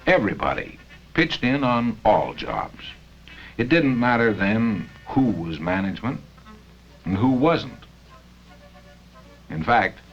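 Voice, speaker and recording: In measured, deliberate phrases with pauses, an American man reads scripted narration for a 1970 company training film. His voice sits low, and the soundtrack has the dull sound of 1970 film.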